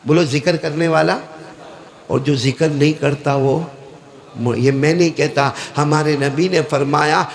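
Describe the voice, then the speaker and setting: A man preaching a sermon, telling a story with dramatic swings between loud exclamations and quiet asides and calling on the crowd to answer. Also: on the high side, fairly even intonation, gravelly. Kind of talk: Urdu religious sermon with storytelling.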